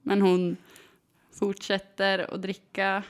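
Chatty woman telling a story. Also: medium pitch. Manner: animated, full of fillers, acts out quoted voices. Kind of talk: casual storytelling chat.

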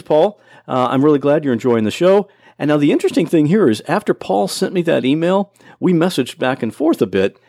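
Male podcast host, gravelly voice, patient explainer, dry close recording. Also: mid-range voice, darkish tone, dry recording. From Florida. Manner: patient, plain-spoken explainer. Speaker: podcast host and computer tutor. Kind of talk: solo instructional podcast.

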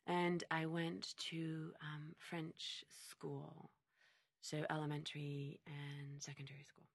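Being interviewed, a middle-aged woman from Montreal, Canada, who works as a conference interpreter, reflects conversationally and keeps reshaping her sentences as she talks. She speaks slowly and monotonously in a low, creaky, slightly rough voice, recorded dry with studio quality.

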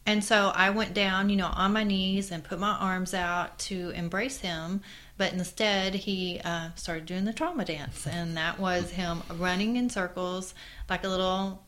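A woman's voice: on the low side, steady tone, measured pace, fairly bright tone. A woman co-hosting a casual conversation, earnestly recounting personal stories with many fillers. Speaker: co-host, mother.

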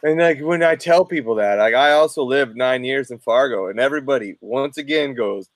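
A man's voice: medium pitch, fairly quick, dry recording. A man from southern Minnesota with a Minnesota accent, telling stories animatedly in a casual podcast chat. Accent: Upper Midwest, Minnesota. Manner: animated storyteller, mimics voices, laughs often.

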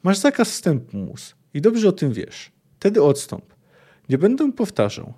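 A stocky doorman turns guests away with cold, pompous courtesy, as a male reader plays him. He speaks a bit higher than the reader's own voice. The tone is dark and mellow. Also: wildly swooping pitch, unhurried, breathy edge, exaggerated voice. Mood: cold haughty. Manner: cold, pompous, formal speech.

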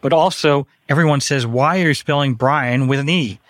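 A man's voice: medium pitch, normal speed, no echo. A man hosting a radio talk show, joking and chatting casually with his co-hosts in the studio.

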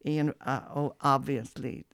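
A woman in her seventies reminiscing in an oral history interview, halting with many restarts. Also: extremely low pitch, steady tone, no echo, clean studio sound. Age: 70s.

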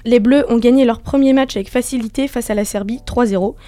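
A woman's voice: fairly high pitch, quick pace, dark tone, no room sound, soft background music. A woman giving a semi-scripted sports report on the radio, with casual asides to her colleagues. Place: radio studio.

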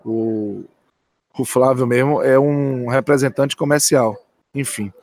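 A man's voice: medium pitch, fairly even intonation, slow, a little mellow, dry recording. A man giving post-match football analysis from a stadium's stands, speaking emphatically and repeating key points.

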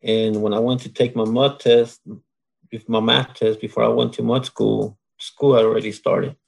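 A man from Mexico speaks in a relaxed interview. His voice is gravelly and a bit husky. He talks plainly, with a dry sense of humor. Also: mid-range voice, moderate pace, rough recording. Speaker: guest, oilfield solids control worker. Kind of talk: casual interview.

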